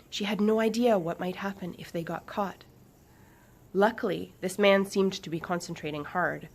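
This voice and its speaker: A woman author reading her children's book aloud with expressive storytelling and dramatic pauses. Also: fairly low pitch, creaky, a little hiss or hum.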